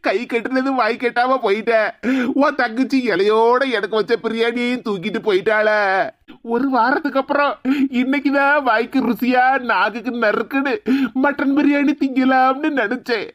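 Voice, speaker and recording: A woman's voice: on the high side, normal speed, close to an everyday voice. A woman voicing a hungry, weepy young husband in a cartoon, whining and self-pitying.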